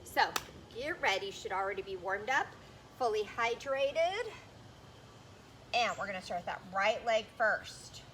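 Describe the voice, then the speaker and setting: A woman's voice: medium pitch, lively intonation, unhurried, a bit bright, a little hiss or hum. A woman leading a workout as a fitness instructor, energetically calling out cues and counts.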